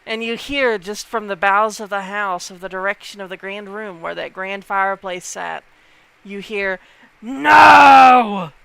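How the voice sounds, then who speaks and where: A man running a tabletop game as dungeon master, narrating slowly and drawing out his lines over a voice call. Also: high voice, steady tone, creaky, sharp tone, clear, resonant tone, no room sound. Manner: slow, drawn-out narration.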